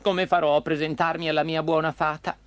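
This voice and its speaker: A jittery wooden puppet boy in a storybook reading, acted by a man. He sounds earnest and nervous, his voice lifted higher than a man's usual. Soft music plays behind him. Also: level tone, fairly quick, lightly acted. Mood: anxious.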